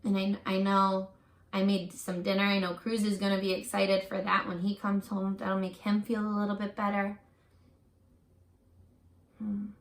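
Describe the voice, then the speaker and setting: Reading a picture book to young children, a teacher speaks in a mid-range voice, animated yet gentle and encouraging. She pauses now and then to put questions straight to the listener, and the room is echoey.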